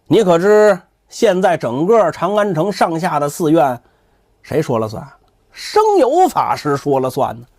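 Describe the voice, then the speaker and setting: A storyteller man doing a smug young monk, swooping pitch. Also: big pitch swings, a little slow, darkish tone, dry recording, studio quality, exaggerated voice. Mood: haughty, menacing. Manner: boastful, sneering, condescending. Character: smug, threatening young temple monk guarding donation box.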